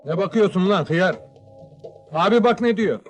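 A brash young watermelon seller talks back with cheeky defiance in an old comedy film. His voice sits fairly high. He sounds sure of himself and scornful of bullies. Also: animated, normal speed, soft background music. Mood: swaggering. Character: cocky watermelon seller, street-smart young man. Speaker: watermelon seller posing as goalkeeper. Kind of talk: 1970s comedy film dialogue.

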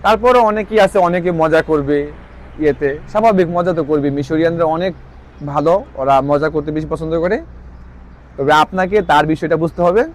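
A man, giving a casual spoken language lesson, repeating phrases slowly and checking that listeners follow. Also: a little high, a little hiss or hum. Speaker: language teacher.

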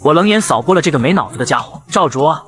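A man narrating a comic story recap in the first person, in a brisk, rapid storytelling manner. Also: a little high, animated, fairly bright tone, faint music behind.

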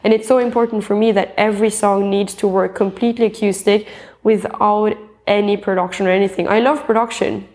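Talking a little fast in a medium, darkish voice with fairly even intonation, a Norwegian pop singer-songwriter in her twenties gives an earnest, rambling portrait interview. Seated in an armchair in a dim room with a clip-on mic, she chats with frequent fillers and restarts.

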